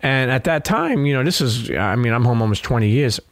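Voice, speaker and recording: A man's voice: mid-range voice, lively intonation, fairly quick, no echo. Brooklyn-accented man, streetwise and dry-miked. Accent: Brooklyn New York. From Brooklyn, New York. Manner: streetwise, profane, frequent "you know". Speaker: interview guest. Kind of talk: candid conversational storytelling.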